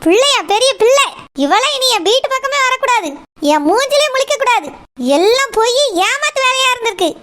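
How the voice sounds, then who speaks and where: A woman plays a bitter, furious mother in a cartoon who scolds without letup. Her voice is very high and piercing. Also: lively intonation, a little fast, a bit bright. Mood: angry. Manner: harsh, ranting, scolding. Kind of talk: cartoon voice acting.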